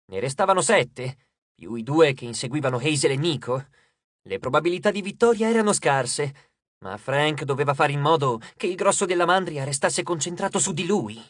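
Male audiobook narrator, slightly high voice, expressive storyteller, dry studio mic. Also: normal speed, no room sound.

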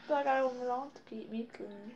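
A woman's voice: fairly high pitch, brisk, a little mellow, lo-fi sound. A woman chatting casually while playing a video game with a child, playful and teasing, often breaking into shrieks and laughter. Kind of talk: casual gameplay chat.

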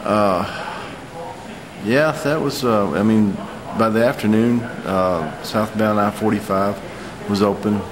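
A man in his forties giving an unscripted, matter-of-fact eyewitness vlog report, speaking haltingly. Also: lowish voice, a crowd in the background, poor audio. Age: 40s. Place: hotel lobby, indoors.

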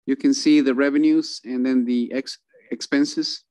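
A man's voice: mid-range voice, fairly even intonation, a little mellow, dry recording. Guy walking council thru the budget, lots of ums and uhs, dry video call sound. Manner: halting, many fillers and restarts. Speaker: city finance staff presenting budget. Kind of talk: budget presentation.

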